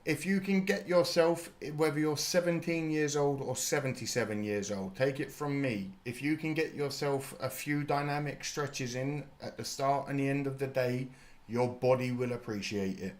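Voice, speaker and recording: A man's voice: mid-range voice, steady tone, normal speed. A British man in his thirties hosting a live watch party stream, chatting and joking with viewers and laughing often. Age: 30s. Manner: chatty and jokey, laughs often, swears casually. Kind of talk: live reaction chat.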